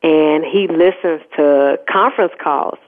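Lower-voiced woman host on a phone line. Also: a little slow. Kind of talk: casual interview conversation.

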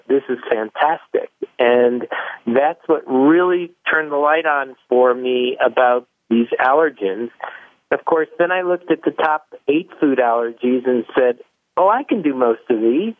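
A man's voice: medium pitch, fairly even intonation, unhurried, dry recording. Man telling a story over a phone line. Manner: folksy storyteller, acts out both sides of dialogue. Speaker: chocolate company founder, guest. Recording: dry, tinny phone line.

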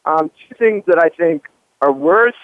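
A man's voice: on the high side, animated, measured pace, no room sound, narrow, tinny audio. A man speaking casually as an interviewed correspondent, conversational and peppered with "like" and "you know". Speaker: roving correspondent, interview guest.

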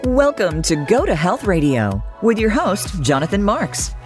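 A woman's voice: mid-range voice, very animated, unhurried. A woman announcer reading a scripted radio program introduction and disclaimer. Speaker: show announcer. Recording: music bed under voice. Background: music.

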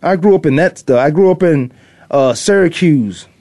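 A former pro defensive back turned sports talk host, this middle-aged Virginian from the US East Coast speaks at a moderate pace in a fairly high, mellow voice with lively intonation. He rambles casually, opinionated and repeating himself to drive points home, on audio with no room sound.

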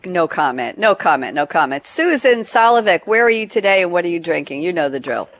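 A woman's voice: lowish voice, big pitch swings, fairly quick, dry recording. An older American woman hosting a radio show in a chatty, playful, theatrical way, repeating phrases for effect.

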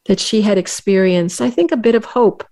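A woman's voice: medium pitch, mellow. A woman hosting a talk show, speaking earnestly with frequent restarts and fillers. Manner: earnest, halting, with many restarts. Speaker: radio show host.

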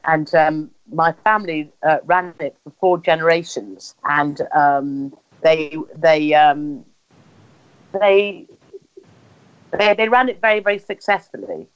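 This woman from England has a low, clear, resonant voice and speaks slowly. Interviewed about her family history, she relates personal stories in conversation with an English accent, performing remembered dialogue as she tells them, on a slightly dull, lo-fi recording.

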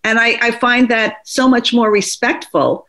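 A woman's voice: fairly high pitch, measured pace, fairly bright tone. A woman in her late sixties, an author who once worked in nursing homes, talking earnestly in conversation and often restarting her sentences. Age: 60s. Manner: earnest, fluent, with frequent restarts. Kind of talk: conversational discussion.

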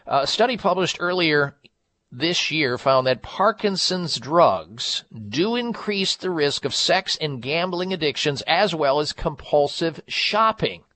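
A man's voice: a little high, expressive, a little slow, bright, forceful tone, no echo. American male talk radio host, dry sound. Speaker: radio health show host.

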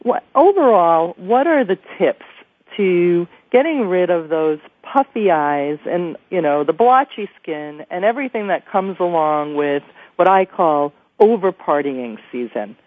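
A woman's voice: lowish voice, animated, a little slow, no room sound. Nasal American woman on a phone line. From New York, USA. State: congested with a cold. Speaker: radio show host. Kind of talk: chatty radio interview. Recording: thin phone-line radio sound.

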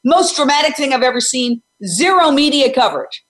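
A former news reporter and animal rights activist in her sixties, this woman hosts an interview with a high, expressive voice and a slightly fast pace. She talks with energy and emphasis, blending interview with advocacy. Often she raises a question and supplies the answer herself.

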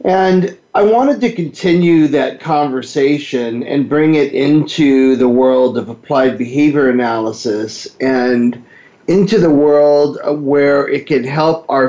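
Male talk radio host, measured conversational explainer, echoey room, slightly lo-fi audio. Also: medium pitch, darkish tone. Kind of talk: conversational monologue on behavioral therapy. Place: echoey indoor space. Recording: echoey room, dull lo-fi sound.

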